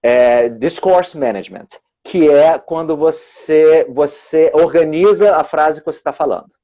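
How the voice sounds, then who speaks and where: Unhurried and mellow, with a voice on the high side, a male English teacher who also examines exams explains things on a live stream. He often restarts what he's saying, and the video call audio is dull and lo-fi.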